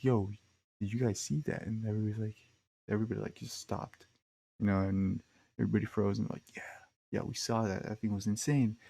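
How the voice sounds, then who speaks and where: Laid-back young man with a gravelly low voice. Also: mellow. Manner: rambling, slangy, laid-back with frequent fillers. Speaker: podcast host. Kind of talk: casual storytelling monologue.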